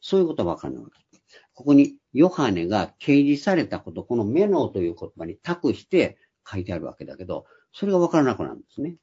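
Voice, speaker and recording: A man's voice: medium pitch, huge pitch swings, quick pace, dark tone, slightly rough. An older man giving a Bible study lecture, explaining patiently with frequent hesitant fillers, in a dull lo-fi recording. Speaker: Bible teacher.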